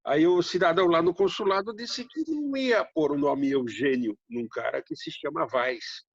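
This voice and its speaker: An older male guest writer, a native Hungarian raised in São Paulo, Brazil, tells stories in a casual interview, speaking Brazilian Portuguese with a slight Hungarian-tinged accent and a heavy R. His husky, gravelly voice is fairly high-pitched, and the sound is muffled and dull with no echo. He's unhurried and rambling, with frequent tag questions.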